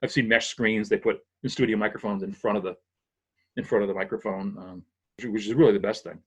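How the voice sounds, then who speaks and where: An older sound engineer from Massachusetts, appearing as a guest in a casual interview, patiently explains technical matters, thinking aloud with small restarts. He talks fast in a fairly low, slightly rough voice with fairly even intonation. The audio is dull and lo-fi.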